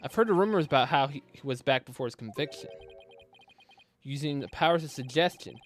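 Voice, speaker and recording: A man's voice: medium pitch, lively intonation, a little fast, slight background noise. A man playfully chatting and teasing his friend while they play a game together. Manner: playful, teasing, laughs easily. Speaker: co-op game partner. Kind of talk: casual co-op gaming chat.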